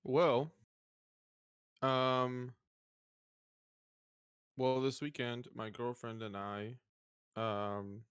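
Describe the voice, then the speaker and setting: Male podcast co-host, smooth clear voice, mid pitch, dry recording, casual chat. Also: flat delivery, extremely slow, long pauses, a bit bright, no echo.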